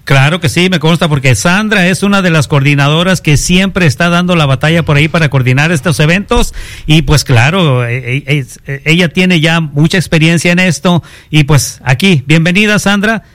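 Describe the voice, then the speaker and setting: Chatty high-voiced radio host man. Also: moderate pace, fairly bright tone, no room sound. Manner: chatty, rambling with filler phrases. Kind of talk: radio interview.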